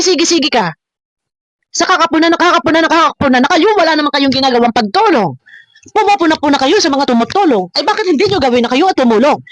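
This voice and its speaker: The recording is dry, and the woman's voice is high-pitched. In a reaction video she hosts, she turns on her critics with a confrontational rant, repeating words and asking rhetorical questions.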